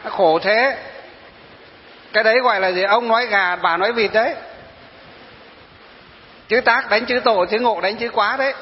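A man's voice: high voice, normal speed, long pauses, a little hiss or hum. A man, a Buddhist monk, giving a dharma talk, telling stories of his followers and asking rhetorical questions. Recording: dull lo-fi hall recording.

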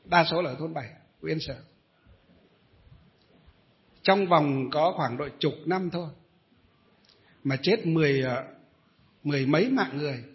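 A middle-aged Buddhist monk with a high voice tells a long story during a dharma talk, rambling, hesitating often on filler words and tossing questions to his listeners. The recording is dull and lo-fi.

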